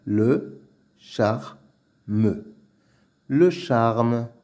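A man teaching early reading, sounding out letters and syllables slowly and repeating each word twice. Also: mid-range voice, expressive, darkish tone.

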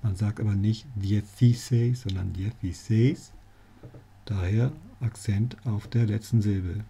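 A man's voice: on the low side, steady tone, moderate pace, vocal fry, mellow, a little hiss or hum. A male teacher explaining spelling rules to learners, with dry jokey asides. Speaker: language teacher.

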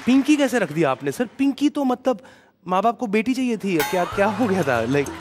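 Male game show host, high and very animated, cracks jokes at contestants. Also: moderate pace, music in the background. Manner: joking, teasing contestants. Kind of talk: lively game show hosting. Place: TV studio stage.

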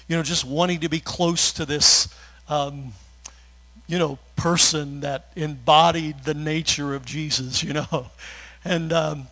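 Emotional man preaching a relaxed sermon. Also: a little high, poor audio. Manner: conversational preaching with fillers and asides; gets emotional, laughs through his words. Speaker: pastor.

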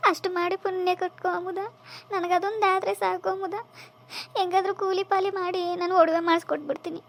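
A squeaky, very high and rapid cartoon voice of a grieving village mother, played by a woman. She pleads slowly and tearfully. It is a cartoon family drama. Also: flat delivery, close to an everyday voice. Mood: worried pleading. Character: worried poor village mother, grieving for her daughter.

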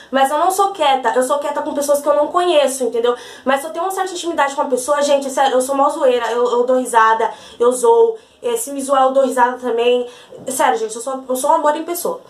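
Fast-talking young woman, chatty and high. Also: reverberant. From Brazil. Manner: chatty, keeps saying "gente" and "entendeu". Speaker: vlogger. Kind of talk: casual storytelling to camera.

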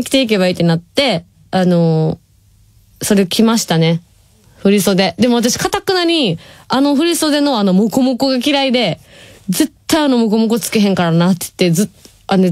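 Speaking a little fast with lively intonation, this radio host has a slightly high, darkish voice, recorded at studio quality with no room sound. She's in her twenties, hails from Nishinomiya in Hyogo, Japan, and has a Kansai accent. In her radio studio she chats casually, reads listener messages, laughs frequently and drawls certain words.

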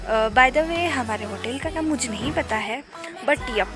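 A woman's voice: a little high, measured pace. A young woman chatting as a travel vlogger, upbeat and chatty as she gives a guided tour. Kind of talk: casual vlog chat, mixing Hindi and English. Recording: loud music playing underneath.

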